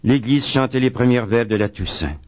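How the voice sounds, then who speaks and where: Man giving a calm spiritual talk. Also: medium pitch, no room sound. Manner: reads quoted writings slowly and solemnly, adds chatty asides. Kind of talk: spiritual talk on a saint's life.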